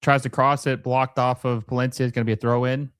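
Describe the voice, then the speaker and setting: On a fan's live watch-along stream, a man casually calls each touch of the match in short, clipped play-by-play bursts. His medium-pitched voice is fast and smooth with little pitch movement, recorded in a dry spot with no echo.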